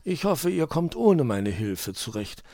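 A man voicing a kindly, fussy old male owl who teaches and gently admonishes, in a storybook reading. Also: fairly high pitch, sing-song, measured pace, no room sound, pitched above the performer's own voice.

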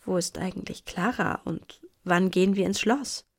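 A woman's voice: medium pitch, normal speed, slightly rough. A woman voicing a friendly, eager young boy in a storybook reading.

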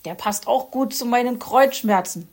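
A woman's voice: fairly high pitch, moderate pace, darkish tone, pitched above the performer's own voice. A woman voicing a grumpy male fox who grumbles and bosses others around in a children's story. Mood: bossy. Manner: gruff, grumbling, bossy.

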